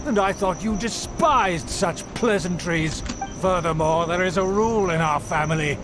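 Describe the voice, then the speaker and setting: Man playing haughty outraged aristocratic uncle, high male voice, formal scolding, fantasy game, music behind. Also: moderate pace, natural voice, poor audio. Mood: disdainful. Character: haughty, outraged middle-aged noble uncle of a proud clan.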